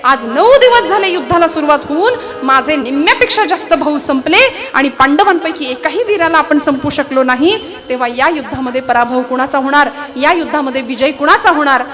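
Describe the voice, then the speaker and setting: A woman's voice: sits high, expressive, brisk. A woman voicing a jealous, impatient young prince who demands straight answers, within a sung Marathi kirtan. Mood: worried.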